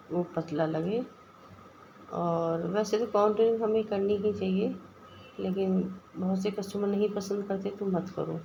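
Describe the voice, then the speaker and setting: A woman's voice: fairly low pitch, vocal fry, dark tone, muffled recording, slight background noise. A woman with an Indian Hindi accent, a makeup artist explaining each step of a makeup tutorial in a voice-over and calling her viewers guys.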